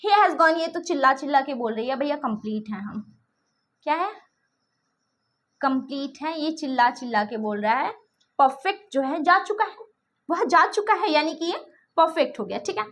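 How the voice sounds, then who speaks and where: A woman's voice: high voice, animated, moderate pace, pauses often, fairly bright tone. A woman teacher explains grammar. She repeats each example several times and keeps checking that her students understand. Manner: repetitive, checks understanding often.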